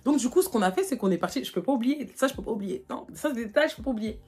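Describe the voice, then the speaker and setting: A young woman from France, telling a casual storytime to her vlog audience in animated, slangy talk full of fillers. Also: fairly high pitch, rapid-fire, husky. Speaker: vlogger. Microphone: phone.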